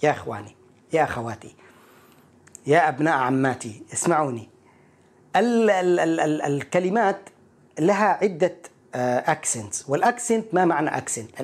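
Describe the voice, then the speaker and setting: A man teaching an English pronunciation lesson, explaining each point and repeating words slowly to model them. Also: a little high, lively intonation.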